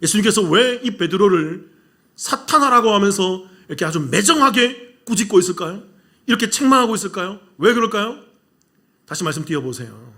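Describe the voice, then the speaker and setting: A man preaching a sermon as pastor, asking the congregation rhetorical questions and swinging between loud, rising appeals and hushed, low asides. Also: big pitch swings, a little fast. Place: church sanctuary.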